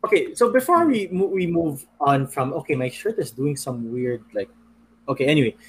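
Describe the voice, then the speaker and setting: A man's voice: fairly high pitch, moderate pace, a little hiss or hum. A young man from the Philippines hosting a livestream chat, teasing his guest and reading out viewer comments. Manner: teasing, animated. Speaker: host.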